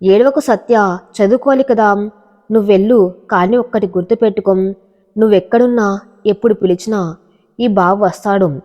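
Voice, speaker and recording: A devoted young village farmer, earnest and reassuring, as a woman narrator voices him in an audio storybook. He speaks in a mid-pitched voice, and the dull-sounding recording carries a long hall-like reverb. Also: moderate pace, pauses often, mellow, close to an everyday voice. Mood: tender. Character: devoted young male farmer, gentle and protective.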